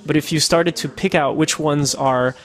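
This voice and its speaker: A US podcaster and citizen journalist, based in the Netherlands, answers interview questions casually and thoughtfully, with many fillers and restarts. His voice is on the high side and a bit bright, with fairly even intonation at a normal speed.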